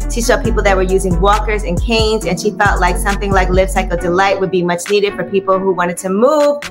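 A woman host talks in an upbeat, conversational way. Music plays clearly behind her voice. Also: medium pitch. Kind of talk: radio show chat.

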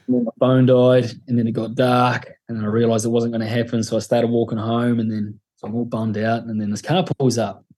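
A man's voice: mid-range voice, flat delivery, a little fast, hardly any pauses, darkish tone, husky, rough recording. A man with a broad New Zealand accent telling stories in casual, laid-back, slangy and sweary chat as a podcast guest.

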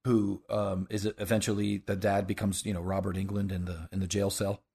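A man hosting a casual podcast, talking about a show in a halting, enthusiastic way. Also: low-pitched, flat delivery, creaky, a little mellow, slightly rough. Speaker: podcast host.

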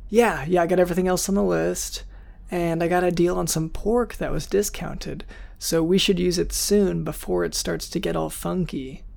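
A man voicing a tired, proud working husband in a weary, low-key way. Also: steady tone, normal speed, vocal fry, darkish tone.

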